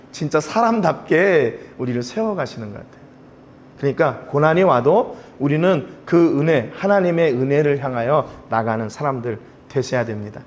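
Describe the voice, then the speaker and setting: Male pastor, slightly high voice, casual conversational sermon with emphatic swells, faint hiss behind. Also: muffled recording. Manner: conversational preaching, rising to emphatic pleas.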